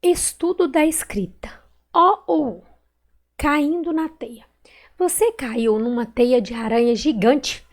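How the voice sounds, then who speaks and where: A woman's voice: sits high, slow. A female primary school teacher from Brazil with a Minas Gerais accent, correcting exercises in a recorded online class and stretching out words and syllables patiently. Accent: Brazilian Portuguese, Minas Gerais.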